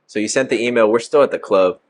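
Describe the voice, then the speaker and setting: A man's voice: lowish voice, fast talker. A young man casually telling a profane story about a night out. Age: young adult. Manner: profane, laid-back storytelling.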